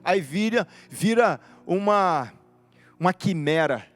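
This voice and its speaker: A man preaching a sermon, his voice pitched very high for a man. He is impassioned and builds his points through emphatic repeated lists. Faint music plays behind him. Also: animated, takes it slowly.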